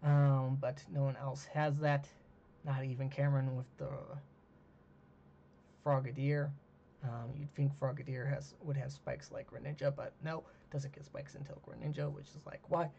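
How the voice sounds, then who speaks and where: A man hosting a solo monologue, talking casually with many ums and uhs, losing his voice and clearing his throat. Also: mid-range voice, level tone, moderate pace, dark tone. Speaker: host. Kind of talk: solo monologue ranking teams. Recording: dull lo-fi mic with faint hiss.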